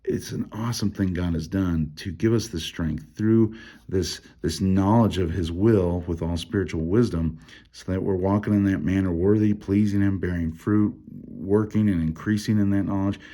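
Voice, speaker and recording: A man leading a casual Bible study, reading verses aloud and thinking out loud about how to mark them, with lots of fillers and restarts. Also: low-pitched, steady tone, moderate pace. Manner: reads scripture aloud between comments.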